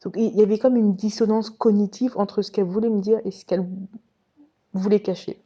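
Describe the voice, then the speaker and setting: A woman's voice: medium pitch, steady tone, a little fast, warm tone, muffled recording. A woman casually telling a personal story to her viewers, chatty and direct. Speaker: vlogger recounting her past.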